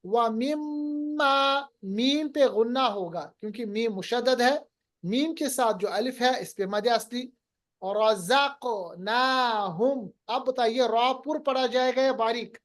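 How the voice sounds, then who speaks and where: A woman's voice: a little high, moderate pace. A woman teaching Quran recitation rules step by step, patiently explaining and quizzing her students.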